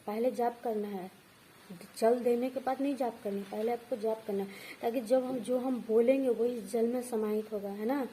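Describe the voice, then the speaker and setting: A woman's voice: on the high side, dark tone, slight background noise, poor audio. Patient woman explaining a ritual. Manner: patient, repeats each step with frequent check-ins. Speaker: astrology and vastu teacher. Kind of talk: devotional how-to instruction.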